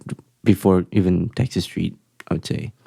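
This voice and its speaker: Man from Malaysia, deep, gravelly voice, casual podcast chat, halting and relaxed. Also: dry recording, studio quality. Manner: relaxed, halting speech with frequent restarts and chuckles. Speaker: chef, podcast guest.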